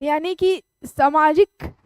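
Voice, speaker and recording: Brief: woman teacher, high voice, dry close sound, explains through examples. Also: steady tone, slow pace, no room sound. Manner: explains with everyday examples, checks in with "okay?". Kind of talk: online class lecture.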